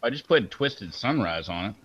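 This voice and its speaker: A man's voice: on the low side, expressive, normal speed, fairly bright tone, slightly rough, highs cut off. A laid-back man chatting casually and laughing easily with his friends. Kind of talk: casual chat.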